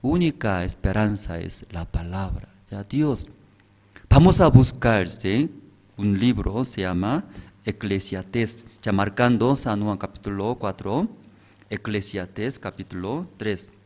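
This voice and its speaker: A male pastor delivers a sermon in simple, broken phrasing. He speaks slowly, pausing to check in with short questions. His voice sits a little low. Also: expressive, darkish tone. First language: Korean. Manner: simple broken Spanish with frequent tag questions.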